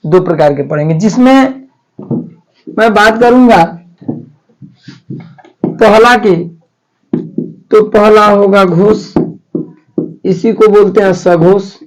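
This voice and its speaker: A man's voice: sits high, slow, long pauses, faint music behind, low-quality recording. A man teaching a grammar lesson for exam prep in a chatty, repetitive way, asking and answering his own questions. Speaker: Hindi teacher.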